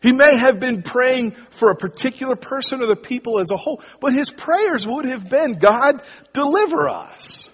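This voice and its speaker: A pastor with a very high, husky voice gives a sermon at a moderate pace with few pauses. He chats casually and directly with his congregation, and the lo-fi recording is dull, with long reverb from the hall.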